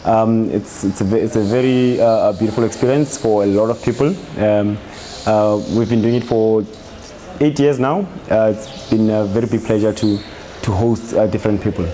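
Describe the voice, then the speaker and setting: Slow, halting South African man. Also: on the low side, warm tone, slight background noise. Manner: halting, repeats words, slow and deliberate. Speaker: tour company owner. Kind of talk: documentary interview.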